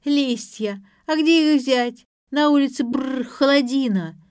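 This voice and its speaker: A woman voicing a young woman feigning childish madness, whiny and drawn-out. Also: fairly high pitch, darkish tone, clear, resonant tone, no echo, clean studio sound, voice pushed up.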